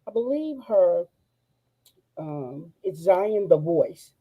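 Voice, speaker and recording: A woman, hosting a faith-based live show and giving excited, gushing shout-outs to viewers. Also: lowish voice, slow, rough recording. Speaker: host. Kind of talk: excited live-stream chat.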